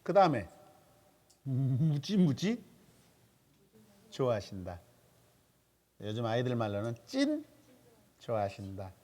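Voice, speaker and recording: A man's voice: mid-range voice, wildly swooping pitch, slow, pauses often, dark tone. A man leading a church Bible study seminar as pastor. He asks his listeners questions and repeats their answers back to them. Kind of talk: interactive Bible study teaching.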